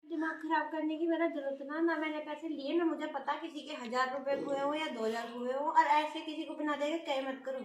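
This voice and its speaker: A woman's voice: sits high, fairly even intonation, a little fast, few pauses, roomy sound. A woman, indignantly denying an accusation in a family argument. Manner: defensive, indignant, arguing back. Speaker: family member.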